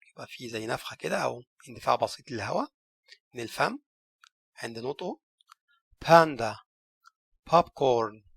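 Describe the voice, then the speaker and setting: A man's voice: medium pitch, creaky, a bit bright, slightly rough, dry recording. A man with an Egyptian Arabic accent teaching English letter sounds, saying each letter and word and then explaining it. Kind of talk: recorded language lesson.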